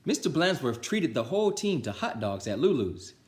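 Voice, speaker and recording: A man's mid-range, slightly mellow voice takes on a sing-song quality at a moderate pace as he animatedly reads a children's storybook. Between reading, he chats casually with viewers and gives a relaxed sign-off from his echoey home interior.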